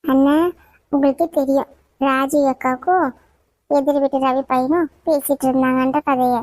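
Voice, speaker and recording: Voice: high voice, steady tone, moderate pace, dry recording, natural voice. A performer voicing a worried mother and a chatty younger sister in a cartoon family drama. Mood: confiding.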